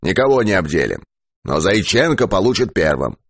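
A man's voice: low voice, sing-song, moderate pace, dry recording, studio quality, exaggerated voice. A man voicing a curt, stern base chief. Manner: curt, commanding. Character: stern middle-aged male space base chief.

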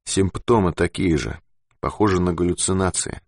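A man voicing a grave, measured male expedition commander in an audiobook. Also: low-pitched, a little mellow, no echo, studio quality.

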